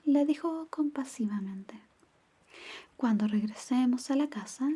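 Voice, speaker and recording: A woman playing a caring girlfriend in an ASMR ASMR role-play, softly and intimately reading bedtime stories in a breathy soft voice. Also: on the high side. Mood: tender, soothing. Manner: soft, intimate, slow storytelling.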